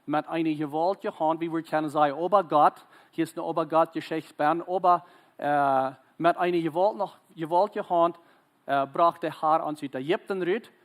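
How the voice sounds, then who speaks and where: Halting preacher with Plautdietsch accent. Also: male voice, a little high, steady tone. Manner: halting, frequent hesitations and restarts; earnest, urging. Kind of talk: sermon.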